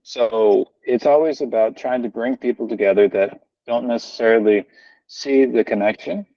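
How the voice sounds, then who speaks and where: An American man, a guest who founded a social organization, talks on a video call from home in a casual conversational interview, earnest and rambling with many fillers and restarts. His medium-pitched, mellow voice comes at normal speed with no echo, though the lo-fi call audio sounds dull, and family members move about behind him.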